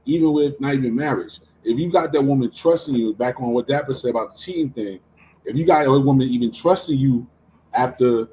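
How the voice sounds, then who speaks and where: A man in his forties argues in a relaxed group podcast, his voice at an everyday middle pitch. He keeps cutting in with "hold up" and stumbles through restarts as he pushes to finish his thought, with a faint hiss behind him. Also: a little fast, low-quality recording. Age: 40s. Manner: holds the floor, stammers restarts, hold up. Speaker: podcast co-host. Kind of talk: casual group debate.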